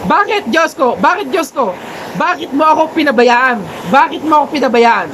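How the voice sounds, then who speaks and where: A man voicing a desperate, stubborn man who prays for rescue. The voice is high and pleading, with faint noise underneath. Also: animated, normal speed. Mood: angry. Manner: pleading, then defiant and angry. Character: desperate, stubborn man praying on a flooded roof.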